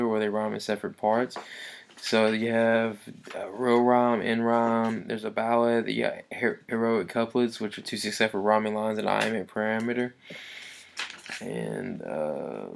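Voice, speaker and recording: Halting low-voiced man with gravelly fry. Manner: halting, with many fillers and restarts. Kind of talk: informal class presentation on poetry.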